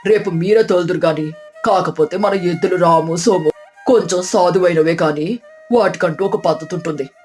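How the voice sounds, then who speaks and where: Brief: older village father-in-law, steady and kindly, as a voice actor plays him; animated storybook, faint music behind. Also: mid-range voice, moderate pace, close to an everyday voice. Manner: calm, gently advising.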